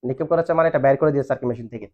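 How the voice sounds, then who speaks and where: A man speaking very fast in a mid-range voice teaches Arabic grammar to a class, the recording dull and lo-fi. He keeps asking questions and letting students reply.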